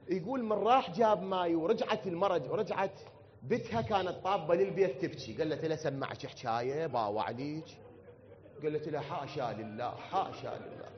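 A man's voice: sits high, slight background noise. A man with an Iraqi accent preaching a mourning sermon, telling a story that rises into a wailing chant. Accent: Iraqi Arabic. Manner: impassioned, rising to wailing chant. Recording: dull lo-fi recording.

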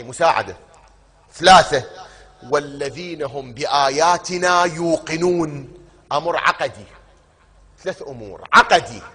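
His voice is on the high side, pushed, bright, and slightly rough. The man preaches in an Iraqi Arabic accent, putting questions to the congregation, answering them himself, and slowly stretching out key words.

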